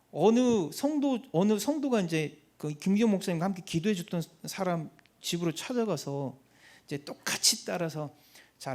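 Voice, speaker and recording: A man, a missionary, giving an animated church testimony and acting out the people in his story. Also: sits high. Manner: animated, acts out quoted people.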